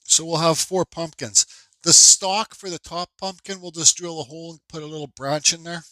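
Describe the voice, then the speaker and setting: A woodcarving instructor narrates a tutorial at his workshop bench, casual and rambling with fillers and restarts, clearly stuffed up and congested. He speaks at a moderate pace in a slightly high, bright, forceful voice with fairly even intonation, in a dry, low-quality recording.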